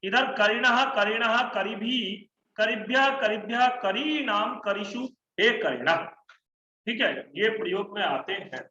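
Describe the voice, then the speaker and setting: A man's voice: high-pitched, animated, measured pace, bright, forceful tone, roomy sound, highs cut off. A man teaching an online Sanskrit class, chanting word forms in rhythmic lists and correcting his students. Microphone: online class call mic.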